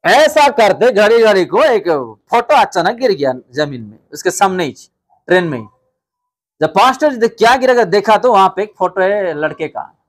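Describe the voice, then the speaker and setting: A man's voice: sits high, sing-song, moderate pace. A man preaching a sermon as pastor, asking the congregation rhetorical questions and telling stories. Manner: rhetorical questions, repeated calls of hallelujah; storytelling, addressing the congregation directly.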